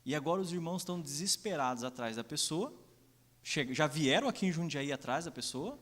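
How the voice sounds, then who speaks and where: A young Brazilian pastor preaches with a voice on the high side, fairly bright and brisk, with lively intonation. Telling personal stories in a Brazilian Portuguese accent, he acts out dialogue and peppers his sermon with "né?" asides, heard through the long reverb of a church hall.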